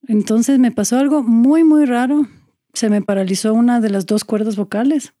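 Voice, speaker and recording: A woman's voice: on the high side, normal speed, mellow. A woman in her forties, an actress speaking as a podcast guest, earnest and reflective as she talks in long, searching sentences. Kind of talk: candid conversational interview.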